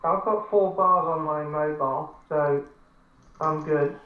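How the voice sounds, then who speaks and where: A man's voice: fairly high pitch, steady tone, a little slow. A man moderating a call, talking in a hesitant, apologetic way over a crackly mobile phone line. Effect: crackly phone line, calling in on a mobile. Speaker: webinar moderator. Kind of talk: casual call chat. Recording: tinny echoey phone line.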